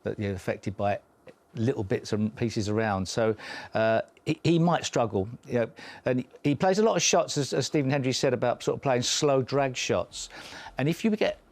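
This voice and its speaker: Thoughtful male snooker pundit, medium pitch. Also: lively intonation, moderate pace, a little mellow. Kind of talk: conversational match analysis.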